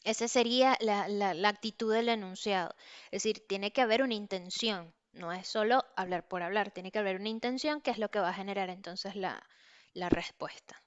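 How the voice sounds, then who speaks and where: A woman's voice: medium pitch, fairly quick, clear, resonant tone, dull audio. A woman giving an online lecture, explaining ideas step by step with frequent fillers and checking in with her listeners. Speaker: teacher.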